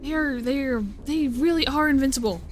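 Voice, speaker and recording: A young woman with a high voice speaks fairly quickly over faint background music. During her live stream she rambles and chats, often swearing, laughing, and cutting herself short.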